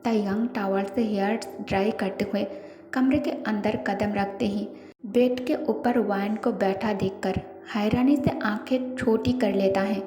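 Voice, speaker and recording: A woman's voice: mid-range voice, unhurried. Woman narrating a story in an echoey room. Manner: steady, descriptive narration. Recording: echoey reverberant room, faint music. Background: faint background music.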